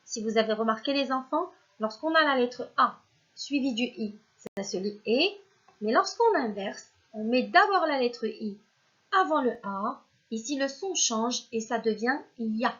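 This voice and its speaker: Lady teacher doing a phonics lesson for little kids, high-ish voice, really slow, dull lo-fi sound. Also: animated, fairly bright tone. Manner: slow and patient, sounding out syllables one by one; speaks directly to the pupils as if they are present, praising them. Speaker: primary school teacher. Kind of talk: recorded remote reading lesson for young children.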